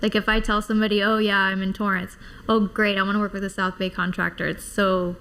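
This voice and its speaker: A woman's voice: medium pitch, little pitch movement, fast, a bit bright, a little hiss or hum. A woman in her thirties, originally from Iowa, talks as a podcast guest. Her speech is casual and informal, full of little fillers as she shares her story. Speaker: guest, construction company owner. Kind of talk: casual interview chat.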